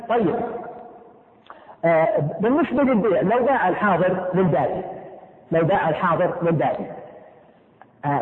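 A man teaching a class, explaining step by step, repeating key points and putting questions to his students. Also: high-pitched. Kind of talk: classroom lesson on law. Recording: echoey room, tinny phone-like sound.

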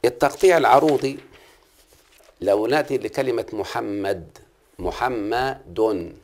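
Middle-aged Egyptian-accented male teacher, gravelly voice, patient classroom questioning. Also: mid-range voice, a little fast, darkish tone. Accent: Egyptian Arabic. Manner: patient, quizzes the class and repeats key terms. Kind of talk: classroom lesson on Arabic prosody.

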